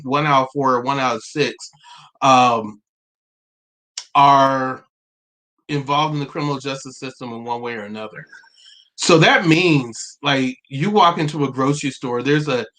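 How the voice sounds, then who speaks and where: A man in his forties hosts a livestream in a somewhat high voice, speaking earnestly. He halts and restarts often, and now and then laughs at himself as he reads out viewer comments. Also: a bit bright. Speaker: livestream host. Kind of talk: live-streamed talk reading viewer comments.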